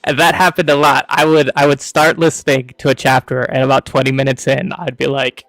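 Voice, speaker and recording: A man's voice: medium pitch, flat delivery, brisk, fairly bright tone, no echo. A man co-hosting a casual book review show, chatty, laughing often and tripping over hard words. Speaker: podcast co-host.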